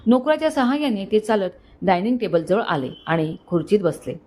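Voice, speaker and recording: Woman narrator, measured storybook reading, mid pitch. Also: big pitch swings, darkish tone.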